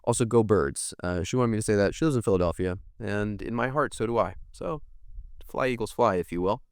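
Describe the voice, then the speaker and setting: A US podcast host in his thirties rambles through viewer comments during a casual livestream, cursing offhandedly. His voice is fairly low, clear and resonant, and he speaks a little fast. The sound is clean studio audio with no room sound.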